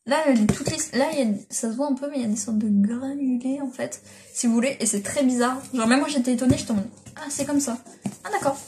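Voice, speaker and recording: A woman's voice: fairly high pitch, noisy background. A young woman chatting casually as a manga vlogger, rambling with lots of fillers and restarts, on a built-in device mic. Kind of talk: casual chat.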